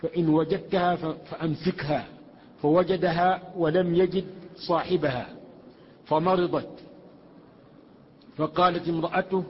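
A man's voice: fairly high pitch, slightly rough. A man reading a classical text aloud for a lesson, carefully reciting and restarting on hard words. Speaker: student reader. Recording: echoey hall, muffled lo-fi recording.

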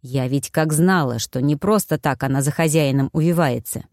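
A woman voicing an elderly housekeeper who mutters quietly and low. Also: moderate pace, no echo, studio quality. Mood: grumbling.

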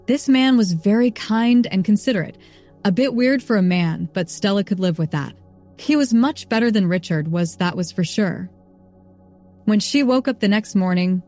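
A woman narrates an audiobook in an even, measured way. Her voice sits in a middle pitch, and faint music plays underneath.

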